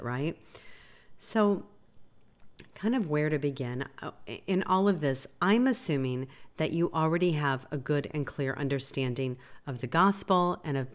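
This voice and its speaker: Low-voiced woman, stuffy from a cold. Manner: earnest, conversational, self-deprecating. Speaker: podcast host.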